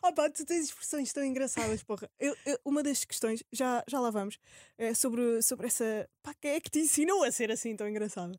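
A young woman with a European Portuguese accent and a very high voice, in a dry, close recording. She hosts a relaxed podcast conversation, asking questions in slangy, informal speech sprinkled with English. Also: brisk, dry recording. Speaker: podcast host. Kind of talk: casual interview chat.

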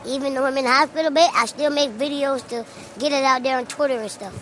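A man's voice: very high-pitched, fairly even intonation, fast talker, a bit bright, slight background noise, rough recording. A fifteen-year-old boy being interviewed, talking in a cocky, playful trash-talking way. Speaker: award-winning guest.

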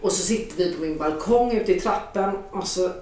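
A middle-aged woman spins a story for listeners, frank and lively, with casual swearing and acted-out dialogue. Her voice sits at an ordinary pitch. It rings through a very echoey space, picked up from some distance away. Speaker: author telling an anecdote. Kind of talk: spoken storytelling to an audience.

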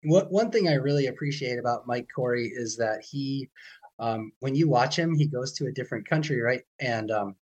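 A man's voice: mid-range voice, normal speed, a little mellow, dull audio. A man hosting a casual podcast conversation, chatty and friendly, often repeating words as he starts a thought. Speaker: podcast host.

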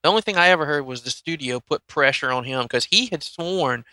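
A man's voice: a little high, lively intonation, fairly quick, sharp tone, no echo, low-quality recording. A man chatting casually as a regular on a geek-culture podcast.

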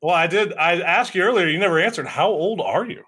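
A man's voice: high-pitched, brisk, bright, forceful tone, husky. A man in his thirties hosting a podcast in casual chat, laughing often and rambling with restarts. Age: 30s. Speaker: podcast host.

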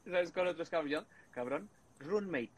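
A Mexican man in his forties co-hosting a comic podcast chat. His voice is fairly high and swings widely in pitch as he tells stories full of slang and swearing. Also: normal speed, background noise. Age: 40s. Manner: animated, slangy, lots of swearing and exclamations. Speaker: podcast co-host. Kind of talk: casual comedic chat.

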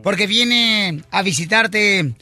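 A man's voice: high-pitched, slow pace, pushed and bright, soft background music. A man hosting a radio show, bantering playfully and telling jokes. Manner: playful, laughs a lot, tells jokes.

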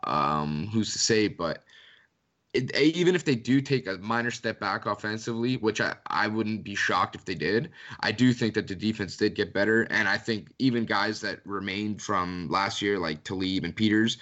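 A man's voice: lowish voice, moderate pace, a bit bright, muffled recording. A young man from Canada, a podcast guest, talking loosely and rambling with lots of "like" in casual chat. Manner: loose, rambling, heavy use of "like".

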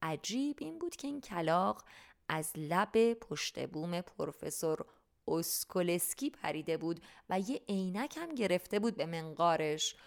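A woman narrating a humorous storybook for teenagers in a playful, lively manner. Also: fairly low pitch, gravelly.

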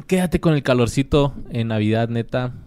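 A man's voice: medium pitch, animated, moderate pace, warm tone, smooth. A Mexican man co-hosting a casual podcast, teasing himself and chatting playfully. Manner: playful, self-mocking. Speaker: podcast co-host. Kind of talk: casual chat.

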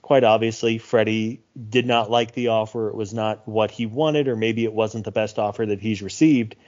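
A man's voice: fairly low pitch, steady tone, normal speed, a little mellow. Earnest man on a muffled podcast. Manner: earnest, reflective, with many fillers. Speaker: podcast co-host. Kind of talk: casual sports podcast talk.

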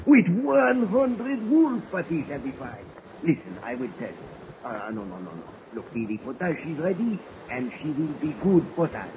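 A man's voice: medium pitch, lively intonation, moderate pace, lightly acted. Man doing a boastful French-Canadian woods guide. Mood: boastful storytelling. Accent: put-on French-Canadian. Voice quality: broken English, theatrical storyteller. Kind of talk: 1940s radio acting. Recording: dull old radio recording, faint hiss.

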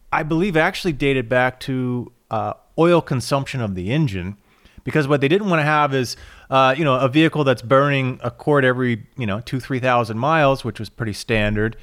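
A man's voice: medium pitch, a bit bright. A male co-host on a car podcast who talks things through at length, easygoing and explanatory. He uses lots of fillers and restarts. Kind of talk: casual podcast chat.

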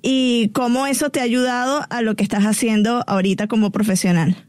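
A woman's voice: on the high side, a little fast, dry recording, clean studio sound. Laughing Venezuelan woman co-host. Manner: lively, laughs often, eager. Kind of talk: casual chat interview.

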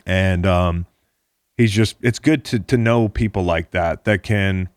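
A man's voice: deep voice, a little slow, dry recording, studio quality. A man hosting a podcast, talking casually in a rambling, encouraging way. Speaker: podcast host.

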